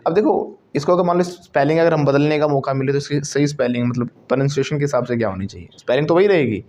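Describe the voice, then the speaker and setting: A male teacher with an Indian accent giving a classroom lesson, mixing Hindi and English and repeating words slowly for students to copy. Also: on the high side, darkish tone, a little hiss or hum.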